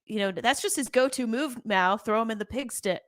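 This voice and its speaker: A young American woman co-hosting a podcast, chatting animatedly and teasing her co-host with quick laughs. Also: on the high side, a bit bright, no room sound, studio quality. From United States. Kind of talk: casual chat.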